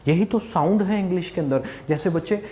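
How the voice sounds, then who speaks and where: A man's voice: sits high, fairly quick, mellow, slight background noise. A man from India with a Haryanvi Hindi accent, giving an exam-prep English grammar lecture at a whiteboard, chatty and often checking in with "theek hai". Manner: chatty, addresses students as "bachche", repeats "theek hai". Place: classroom at a whiteboard.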